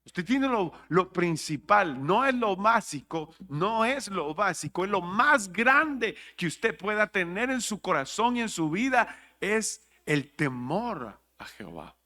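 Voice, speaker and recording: High-voiced preacher. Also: male voice, sing-song, slow pace, bright, forceful tone. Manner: jokey, laughs at his own jokes, acts out listeners' voices; asks the congregation questions. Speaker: pastor. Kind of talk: sermon.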